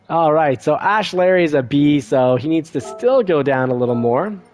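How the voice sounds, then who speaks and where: A man giving casual commentary while playing a racing game, chatty and thinking aloud, getting excitable when he crashes. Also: on the high side. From Canada. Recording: audible car game noise behind voice. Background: racing game car sounds.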